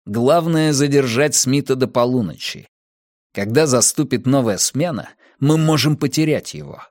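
A male reader voicing a cold, calculating young gang leader in an audiobook, giving orders in a flat, commanding way. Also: medium pitch, normal speed, no room sound, studio quality, natural voice.

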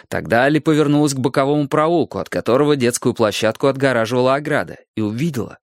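A man reading a children's adventure story aloud in a steady, even storytelling manner. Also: mid-range voice, no echo, clean studio sound. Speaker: audiobook narrator. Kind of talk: scripted narration.

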